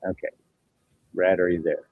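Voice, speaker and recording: A man's voice: low voice, level tone, normal speed, no room sound, narrow, tinny audio. A man hosting a casual group voice chat, checking whether the others can still hear each other. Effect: heard over a group voice chat. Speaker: host running an online group call.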